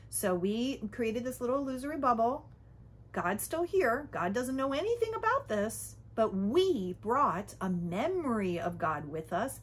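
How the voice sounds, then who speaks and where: A woman speaking in a casual, teaching manner, her pitch sitting in a middle range. She keeps checking in with her listener and sometimes drops into a gentle whisper. A faint background noise hums beneath the recording. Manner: conversational, frequent "okay?" and "right?" check-ins; drops to a soft whisper at times. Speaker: spiritual teacher. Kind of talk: casual spiritual teaching talk.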